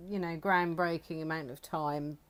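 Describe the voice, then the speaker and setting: A UK woman co-hosts a reselling channel, chatting casually with plenty of fillers and reading out parts of a report. Her voice is low and fairly bright, with a steady tone at a normal speed.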